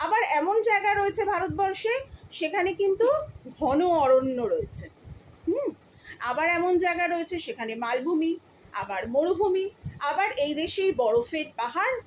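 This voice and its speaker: A woman with a West Bengal Bengali accent teaches young pupils, first reciting a poem slowly and musically and then explaining it with patient care. Her voice sits high. A faint hiss stays in the background of the recording. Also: lively intonation, rough recording. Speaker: primary school teacher.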